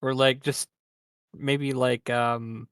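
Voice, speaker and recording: Podcast co-host, rambling and deadpan, mid-pitched, dry close-miked sound. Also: smooth, no echo. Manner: rambling, quick deadpan asides. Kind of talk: casual chat.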